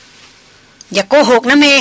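A woman reading the part of a composed female doctor in an audiobook, speaking softly and soothingly. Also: slow pace. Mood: probing. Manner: soft and soothing.

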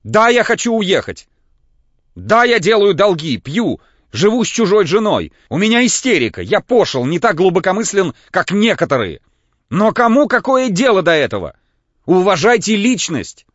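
A man reading an audiobook, voicing an overwrought young man who shouts in a high, cracking voice. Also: sing-song, measured pace, dry recording. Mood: shouting hysterically. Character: hysterical young man, indignant, near breakdown. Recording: dull, dry lo-fi recording.

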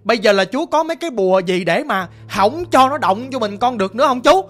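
A man's voice: extremely high pitch, lively intonation, quick pace, fairly bright tone, heavily acted. Man playing an anxious young man, Southern Vietnamese accent, stammering, flustered. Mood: pleading.

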